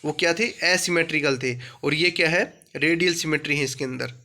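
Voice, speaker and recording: A man teaching an exam-prep biology lesson, asking questions and answering them himself, reading English lines slowly and explaining them in Hindi. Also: a little high, sharp tone.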